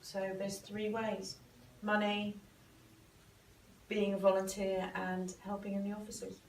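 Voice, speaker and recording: A woman's voice: mid-range voice, monotone, slow, a little mellow. A woman dentist talking in an interview, heartfelt and emphatic. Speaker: dentist guest. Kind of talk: sofa interview. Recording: echoey room, mic far off.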